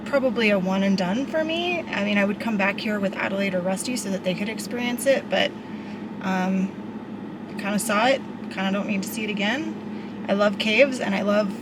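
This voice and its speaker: A woman's voice: medium pitch, moderate pace, background noise. A woman travel vlogger chatting casually and candidly to the camera in an informal way.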